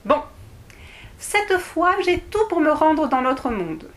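A stubborn six-year-old girl from a bedtime storybook, put on by a woman reader. Her voice climbs high and bounces around, eager one moment and sulky the next. Delivered slowly, with plenty of lift. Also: very animated, full character voice. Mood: wondering.

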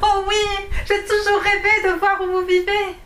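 A stubborn six-year-old girl from a bedtime storybook, put on by a woman reader. Her voice climbs high and bounces around, eager one moment and sulky the next. Delivered slowly, with plenty of lift. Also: lively intonation, a bit bright.

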